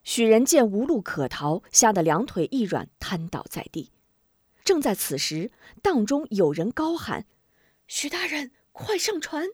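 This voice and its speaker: A woman narrating a martial-arts story in a dramatic storytelling style, voicing the shouting characters herself. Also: medium pitch, a little slow, husky, no echo, studio quality. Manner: lively, acts out shouting characters.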